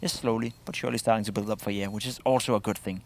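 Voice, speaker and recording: A man's voice: lowish voice, steady tone, rapid-fire, vocal fry. A man working as an esports caster, commentating and analysing a live video game match. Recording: gunfire and game noise behind voice. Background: video game gunfire and clicks.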